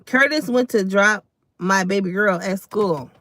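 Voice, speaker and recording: A woman's voice: medium pitch, measured pace, fairly bright tone, dry recording. A woman hosting a casual live stream from home, chatting to her viewers and calling them y'all and baby. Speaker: livestream host.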